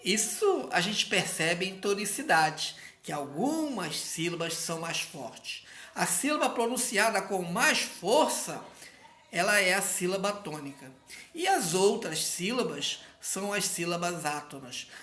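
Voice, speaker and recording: Woman teacher going slow and patient, bright voice, echoey room. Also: mid-range voice, slight background noise. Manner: slow, patient explaining, drawing out example words. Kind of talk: recorded grammar lesson.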